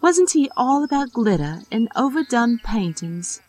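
Period drama: bright young lady played by a woman, highish, animated, unhurried, polite and direct. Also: husky, exaggerated voice, low-quality recording. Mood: chatty, pointed. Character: bright, polite young American lady house-hunting in England. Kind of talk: period audio drama acting.

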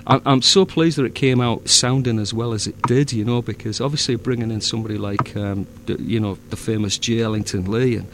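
A man's voice: lowish voice, fairly even intonation, a little fast, hardly any pauses, noisy background. Rambling Northern English man, many fillers. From north of England. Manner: rambling, many fillers and restarts, easy laughter. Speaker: fan audio drama producer. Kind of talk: casual chat.

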